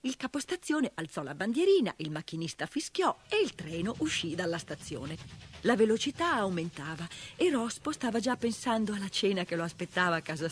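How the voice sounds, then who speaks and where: A woman storyteller narrating a storybook in an expressive, lively way. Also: medium pitch, slight background noise. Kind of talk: storybook reading.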